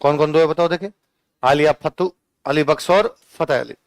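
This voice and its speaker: In this exam-prep lecture, a man teaching with a Rajasthani Hindi accent shoots out questions and supplies the answers, then dictates notes slowly, saying every line again. His slightly high voice is clear and resonant, captured close up with no room sound.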